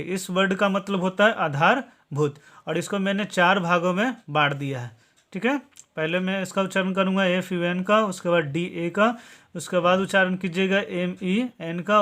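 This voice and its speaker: A man teaching a spoken lesson, slowly spelling out words letter by letter, repeating each point and ending phrases with a checking "theek hai". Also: high-pitched, fairly bright tone. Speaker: English teacher. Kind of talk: classroom-style spoken lesson.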